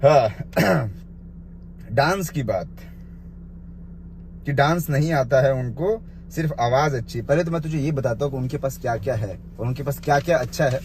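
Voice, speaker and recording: A man's voice: medium pitch, normal speed, a little mellow, a little hiss or hum. A man delivering a confrontational point-by-point rant to camera, bluntly scolding someone he addresses directly. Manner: scolding, addresses the listener with the blunt informal 'you'; point-by-point rebuttal. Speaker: vlogger responding to a rival's live video.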